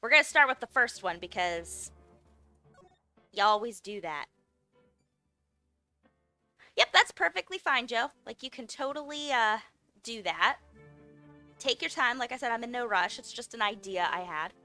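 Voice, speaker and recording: A woman's voice: fairly high pitch, lively intonation, moderate pace, sharp tone, faint music behind. A woman streaming a game casually, chatty and upbeat, talking to her viewers. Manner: chatty, upbeat, talks to chat. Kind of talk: casual gameplay livestream.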